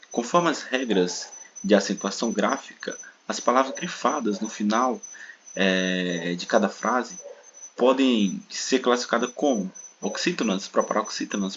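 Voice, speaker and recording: A man's voice: on the low side, fairly bright tone, a little hiss or hum. Brazilian man teaching grammar, dull recording. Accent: Brazilian Portuguese. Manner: explanatory, frequent "né?" and "tá?" tag questions; stretches stressed syllables when giving examples. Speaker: Portuguese teacher. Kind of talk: recorded online grammar lesson.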